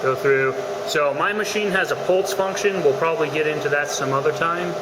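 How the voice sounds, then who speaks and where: A man with a slightly high voice talks through a hands-on tutorial as an instructor, casual and explanatory. The room is echoey, and steady machine noise runs clearly behind his voice. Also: moderate pace. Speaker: welding instructor. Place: room or workshop beside welding machine. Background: steady welding machine noise.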